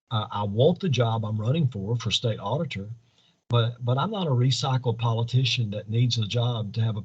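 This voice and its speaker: A man's voice: medium pitch, breathy edge, muffled recording. A man answering as a political candidate in an interview, earnest and preacherly, building points in repeated parallel phrases. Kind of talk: campaign interview answers in speech-like statements.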